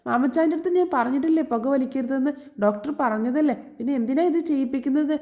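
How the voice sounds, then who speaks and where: A woman voicing a fussy, quick-tempered older housewife who nags and raises her voice. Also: high-pitched, pitched above the performer's own voice. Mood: angry nagging. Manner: nagging, shouting.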